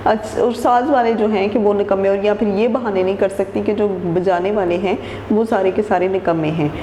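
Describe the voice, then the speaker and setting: A female Urdu teacher with a warm, medium-pitched voice reads a textbook passage aloud, then re-explains each sentence in simpler words. The room is echoey, with long reverb and faint noise.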